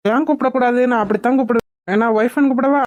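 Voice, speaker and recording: A woman's voice: a little high, steady tone, racing, a little mellow, no echo, dull audio, close to an everyday voice. A woman voicing a persistent young man in a cartoon, teasing and puzzled by his beloved. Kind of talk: cartoon voice acting.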